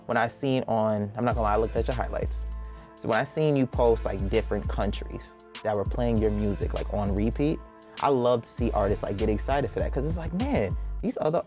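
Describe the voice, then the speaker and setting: A man's voice: fairly low pitch, fairly quick, a little mellow, faint music behind. Easygoing male interview host. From Panama. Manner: easygoing, rambling questions with "you know" fillers. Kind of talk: casual interview questions.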